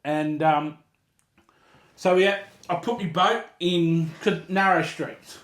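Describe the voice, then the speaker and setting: A man's voice: a little high, steady tone, takes it slowly, a bit bright. Blokey Australian man in an echoey room. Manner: blokey, sweary, slangy. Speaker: podcast co-host telling a gripe. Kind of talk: casual chat and storytelling. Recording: roomy, echoey sound.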